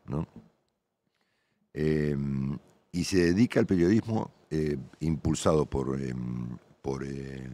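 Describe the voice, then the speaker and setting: Frequent tag questions mark the loose, lengthy interview talk of this middle-aged Argentine radio veteran, who speaks with an Argentine Spanish accent in a colloquial, rambling way. His very deep voice is a little mellow, with no echo.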